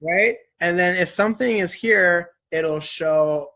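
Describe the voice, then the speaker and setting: A man in his twenties talks casually and reflectively as an interview guest, sounding earnest and often saying "like" and "right?". His voice is high-pitched with a sharp tone, and he speaks slowly.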